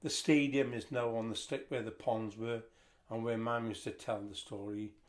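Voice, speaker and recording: An older man reading a family history aloud, telling the story in a lively storytelling way. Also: medium pitch, normal speed.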